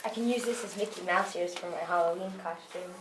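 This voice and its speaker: A woman giving quick playful improvised answers with little sound effects. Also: lowish voice. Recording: echoey room, distant mic, noisy.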